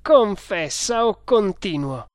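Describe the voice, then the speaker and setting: A reader voicing a loyal, cunning male servant who speaks with calm, firm assurance in a dramatic audiobook. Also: mid-range voice, a little slow, no room sound, studio quality, close to an everyday voice. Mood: menacing.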